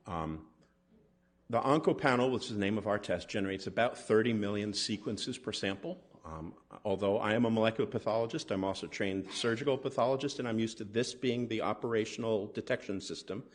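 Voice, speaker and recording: A man's voice: lowish voice, fairly quick. A man, a molecular pathologist, giving a conference lecture in a conversational way, often checking in with the audience. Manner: conversational, asks the audience "right?" and "okay?". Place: conference hall.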